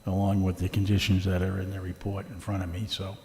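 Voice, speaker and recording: A man on a planning board, relaxed and dry-humored, giving brief comments at a public meeting. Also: deep voice, brisk, in a large hall, slight background noise.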